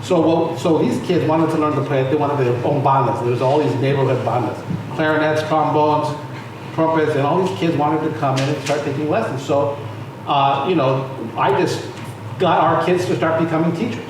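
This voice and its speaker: Taking part in a panel discussion, a middle-aged man from the United States, a musician and arts center founder, chats and tells stories with many restarts. His voice is a little high at a moderate pace, and the distant mic leaves the audio very echoey and noisy.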